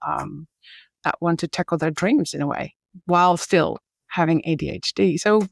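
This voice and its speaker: A woman's voice: fairly low pitch, no room sound, clean studio sound. A woman hosting a podcast interview, reading a prepared introduction and then chatting with small hesitations and restarts. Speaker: podcast host.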